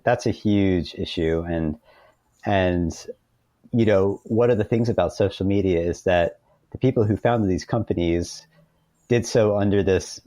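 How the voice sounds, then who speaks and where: Here an interview guest talks in a low, dark-toned voice at an unhurried pace, recorded without echo. His explanations are conversational yet halting, full of repeated words and frequent "you know"s.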